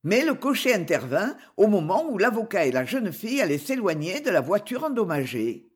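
Expressive woman narrating a novel. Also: mid-range voice, a little fast, husky. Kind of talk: audiobook novel reading.

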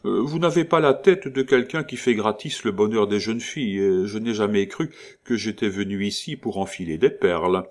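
A man's voice: on the low side, moderate pace, lightly acted. A man reading an audiobook, voicing a brash, unflappable young Parisian woman with a cool, cheeky manner.

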